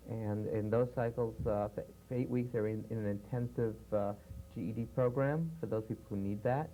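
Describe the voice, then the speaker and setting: Low mellow guy explaining a job program, slow and careful, faint hiss and hum from a worn vhs tape. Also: fairly even intonation, poor audio. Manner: measured, explanatory, with frequent fillers. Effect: worn VHS tape copy. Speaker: training program staff.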